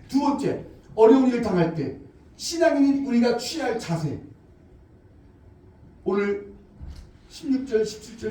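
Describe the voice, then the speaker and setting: A woman's voice: medium pitch, warm tone. A woman pastor preaching a sermon, posing rhetorical questions and answering them herself and repeating her phrases. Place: small church hall. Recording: very echoey church from a distance.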